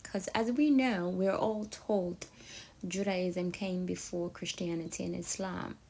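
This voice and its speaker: A woman's voice: fairly low pitch, steady tone, measured pace, a little mellow, low-quality recording. A woman from Somalia telling stories in a casual monologue, often checking in with her listener with "yeah?" and "right?". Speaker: storyteller.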